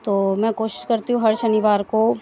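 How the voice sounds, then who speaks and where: A woman's voice: mid-range voice, level tone, normal speed, mellow, highs cut off, slight background noise. A woman narrating her daily home vlog in a homely, talkative, rambling way. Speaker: daily vlogger. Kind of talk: casual chatty vlog narration. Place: family home.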